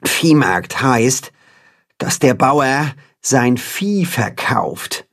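A man doing a calm, patient farm animal. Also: mid-range voice, drawn-out words, heavily acted.

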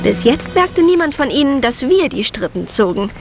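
A woman's voice: sits high, big pitch swings, moderate pace. An actress voicing a teenage girl who narrates her own story in a wry manner. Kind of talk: dubbed series narration. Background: music.

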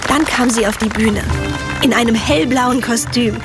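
A woman's voice: on the high side, normal speed, music in the background, a crowd in the background, close to an everyday voice. A woman voicing a wry teen girl narrator. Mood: narrating. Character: teenage girl narrating her own story. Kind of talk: first-person story narration, cartoon dub.

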